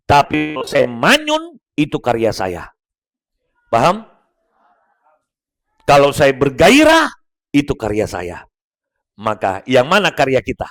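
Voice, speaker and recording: Joking with the crowd and coaching people individually, a motivational speaker gives a funny, faith-based talk. His voice is a little high with a fairly bright tone.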